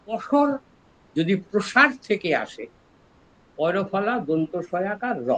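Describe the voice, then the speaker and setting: An older man from East Bengal with an East Bengali accent, a retired professor giving a scholarly lecture and explaining word origins slowly, step by step. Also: high voice, slight background noise, low-quality recording. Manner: explains slowly and step by step, lively rises and drops in voice.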